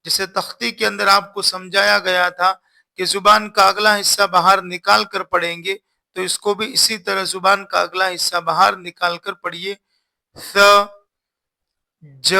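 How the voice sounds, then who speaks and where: A man's voice: high voice, flat delivery, moderate pace, vocal fry, bright, forceful tone. A man teaching Quran reading in a recorded lesson, patiently repeating instructions and sounding out the letters one by one.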